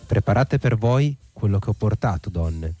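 A man's voice: lowish voice, lively intonation, normal speed, warm tone, soft background music. A man voicing a rude, impatient male jaguar shapeshifter in a storybook reading. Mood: gruff. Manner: gruff, impatient.

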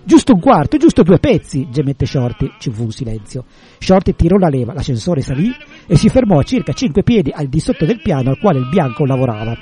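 A man reading a novel passage aloud in a measured, expressive way. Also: mid-range voice, husky. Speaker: narrator. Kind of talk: literary reading.

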